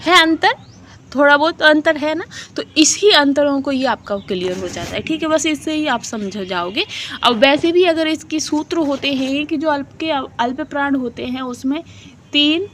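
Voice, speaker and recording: Expressive and a bit bright, a high-voiced female teacher leads an exam-prep lesson at a moderate pace, answering questions she asks herself. She repeatedly sounds out syllables while explaining and slips English words into her Hindi. A faint noise runs behind her.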